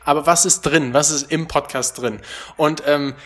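Teasing podcast host man, slightly high. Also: fairly even intonation, moderate pace, fairly bright tone. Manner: teasing, wraps up the episode with playful sign-off. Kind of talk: casual podcast chat.

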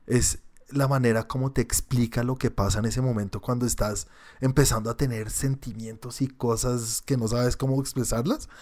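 Here a man with a Colombian accent, mid-range in pitch and at ordinary speed, is co-hosting a podcast. The talk is loose banter about films and series, full of animated laughter, rambling tangents and cursing.

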